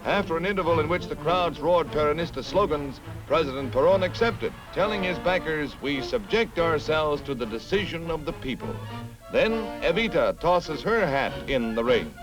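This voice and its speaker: A man narrating an old 1950s newsreel in a brisk, punchy announcer style. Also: fairly high pitch, expressive, low-quality recording. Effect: old 1950s newsreel sound. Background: newsreel music.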